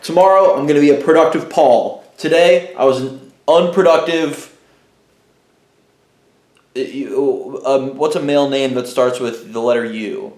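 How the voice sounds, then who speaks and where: A man's voice: mid-range voice, measured pace, darkish tone. A young man vlogging casually to camera, rambling and thinking aloud as he plans his day. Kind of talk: casual vlog talk to camera. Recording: echoey room.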